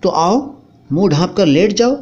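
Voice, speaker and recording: A man's voice: high-pitched, lively intonation, normal speed, darkish tone, voice pushed up. A man voicing a bold, stubborn young wife who talks back sharply, in a dull lo-fi recording. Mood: defiant.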